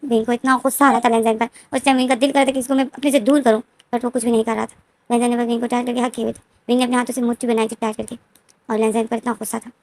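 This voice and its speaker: A woman's voice: fairly high pitch, level tone, rapid-fire, darkish tone, no room sound. Woman casually retelling a fanfiction story. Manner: repetitive, restarting narration.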